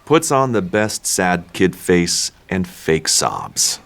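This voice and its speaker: Deep-voiced man reading stage directions. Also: wildly swooping pitch, gravelly, a bit bright. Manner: dry, unhurried reading of action lines. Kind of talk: table read narration.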